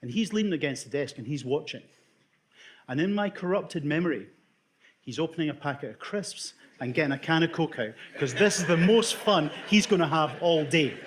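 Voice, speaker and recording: Scottish man telling a lively story. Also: a little high, normal speed. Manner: storytelling with humour, lively delivery. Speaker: emergency department consultant. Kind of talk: talk to an audience.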